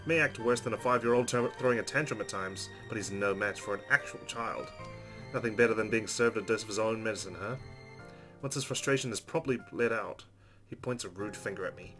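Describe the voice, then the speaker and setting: A let's play host with a low-leaning voice reads a game's narration aloud with expression, speaking fairly quickly while game music plays behind him during the playthrough.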